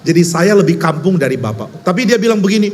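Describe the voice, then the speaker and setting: Man from Indonesia, preacher, fairly high voice, long hall reverb, emphatic storytelling. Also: fast talker. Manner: lively storytelling, wry and emphatic. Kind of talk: conversational sermon.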